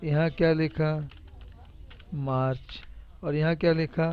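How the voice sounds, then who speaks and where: A man's voice: a little high, level tone, takes it slowly, clear, resonant tone. A man teaching a casual spreadsheet lesson, talking steps through in a chatty, repetitive, teasing and encouraging way. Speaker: computer teacher. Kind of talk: casual live spreadsheet tutorial. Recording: dull lo-fi recording.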